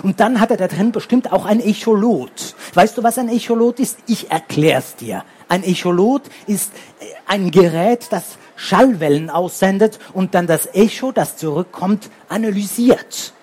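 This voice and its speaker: A man's voice: sits high, moderate pace, darkish tone, slightly rough, pitched above the performer's own voice. A man voicing a clever, nosy schoolboy who lectures eagerly in a children's audiobook. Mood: lecturing. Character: know-it-all schoolboy, clever and impatient.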